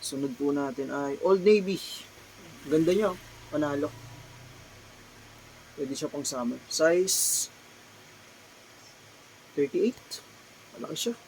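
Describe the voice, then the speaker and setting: A man's voice: on the high side, darkish tone, slight background noise, low-quality recording. A Filipino man, a clothing seller, holds up items from his small shop one by one, repeating each brand name and size politely. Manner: slow, polite, repeats item names and sizes. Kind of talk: casual product showcase vlog.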